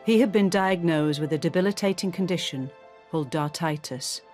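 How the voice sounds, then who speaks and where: A woman giving measured, scripted documentary narration. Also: lowish voice, darkish tone, faint music behind.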